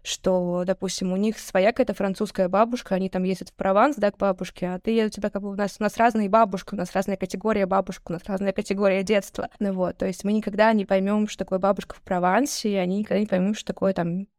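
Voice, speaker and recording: In a relaxed podcast conversation, a young woman from Russia races through lively anecdotes, performing the voices of those she quotes. The mid-range voice is recorded cleanly in a studio, echo-free.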